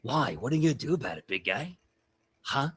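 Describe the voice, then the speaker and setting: A blunt, confrontational orc warrior woman, put on by a man, brusque and quick to threaten. The voice swings up and down as she challenges strangers. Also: medium pitch, very animated, a bit bright. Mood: menacing. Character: huge, short-tempered female orc warrior leader.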